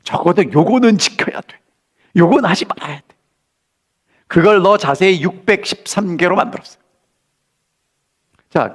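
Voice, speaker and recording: High-voiced Korean man preaching a sermon. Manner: asks the congregation questions, acts out quoted speech. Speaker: pastor.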